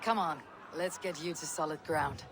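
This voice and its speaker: A woman voicing a stoic Viking warrior in a video game, measured, formal and plainspoken. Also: low-pitched, a loud crowd, heavy background noise, lightly acted. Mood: reassuring.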